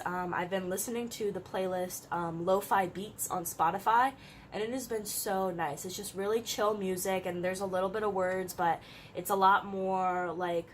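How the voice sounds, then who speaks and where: Her voice is medium-pitched and a bit bright, with a faint hiss or hum on the recording. Talking casually to the camera from her room, this young vlogger sounds slightly stuffed up and keeps dropping in "like" along with small laughs.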